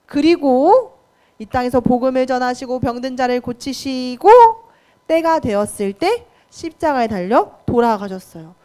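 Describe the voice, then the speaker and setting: A woman's voice: sits high, normal speed, dark tone. A young woman preacher giving a children's sermon in a church, talking to the kids with questions and quizzes. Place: church children's worship room.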